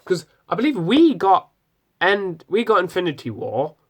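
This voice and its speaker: A man's voice: sits high, huge pitch swings, moderate pace, a bit bright, slightly rough. A young British man with a British accent, giving a rambling, casual film review full of ums and restarts. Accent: British English. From Britain. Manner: rambling, many ums and self-corrections.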